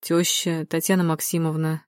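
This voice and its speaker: A woman voicing a composed middle-aged man who lists the household in an even, matter-of-fact tone. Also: low voice, normal speed, no room sound, clean studio sound, close to an everyday voice.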